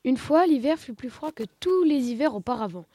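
Woman, storyteller, expressive children's read-aloud, fairly high voice, dry close sound. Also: a little fast, breathy edge, no echo. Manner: expressive, lively read-aloud with rising excitement.

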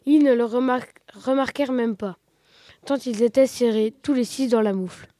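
Woman, storyteller, expressive children's read-aloud, fairly high voice, dry close sound. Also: normal speed, dry recording. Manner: expressive, lively read-aloud with rising excitement.

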